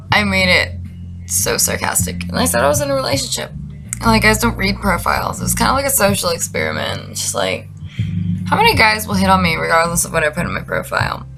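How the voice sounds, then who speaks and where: Reading out messages she's received, a female vlogger delivers a casual comedic monologue in a lowish voice with vocal fry. Her delivery is slangy and sarcastic, with lots of swearing.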